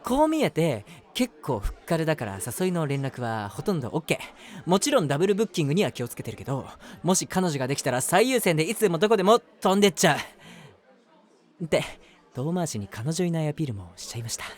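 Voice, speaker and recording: A voice actor performs a Japanese romantic audio drama monologue as an eager, lovestruck, easily flustered young man who is the eldest brother. The voice is lively and high, the delivery fast, giddy and eager, chatty, self-deprecating and earnest, with hesitant asides.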